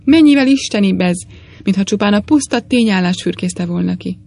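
A woman reading an audiobook, voicing a gentle, eccentric little male priest with eager, apologetic exclamations. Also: mid-range voice, vocal fry.

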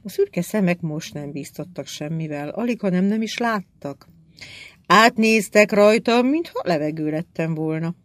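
An audiobook narrator reading a story in a steady, measured way. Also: mid-range voice. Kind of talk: scripted narration.

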